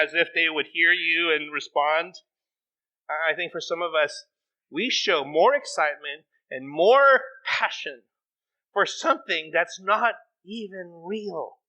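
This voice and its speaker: A middle-aged male pastor preaching in a church, his voice high and very bright, almost sharp. He is animated and slips into quoted voices as he talks. The recording sounds dull and lo-fi. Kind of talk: sermon. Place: church sanctuary.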